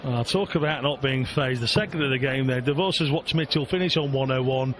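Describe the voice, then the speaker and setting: A man giving live darts commentary in measured, short play-by-play phrases. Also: mid-range voice. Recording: clear background venue noise. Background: darts venue ambience.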